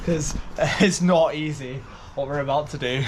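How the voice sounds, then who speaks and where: A man's voice: fairly high pitch, a little hiss or hum. A man, chatting casually and joking while shopping for parts and working on a car. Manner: jokey, laughing, quick banter. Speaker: vlog host.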